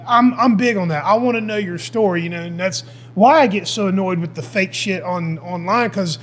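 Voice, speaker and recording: High-voiced rambling male podcast host. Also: normal speed, a bit bright, slight background noise. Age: middle-aged. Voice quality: rambling, repeats words, swears casually. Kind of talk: casual chat.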